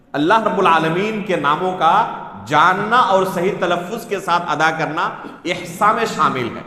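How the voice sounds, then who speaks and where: Man, religious lecture, slow Arabic recitation then explanation, animated pitch, long reverb. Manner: asks questions and answers them himself. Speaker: Islamic scholar teaching a book. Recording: echoey hall.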